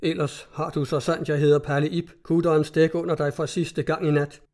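A man's voice: on the high side, level tone, darkish tone, natural voice. A man voicing an irate male customs-cutter captain who curses and barks orders, in a read-aloud story. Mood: furious. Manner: gruff, cursing, barking orders.

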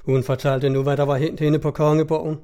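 A man narrating a fairy tale in a steady, even reading voice. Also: a little high.

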